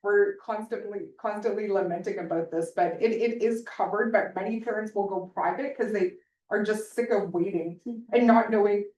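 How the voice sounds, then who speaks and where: Fielding audience questions at a conference hall panel, a middle-aged woman chats away, interrupting herself and laughing often. Her voice is warm and medium-pitched at a normal speed, with a little hiss or hum. A distant room mic makes the sound roomy.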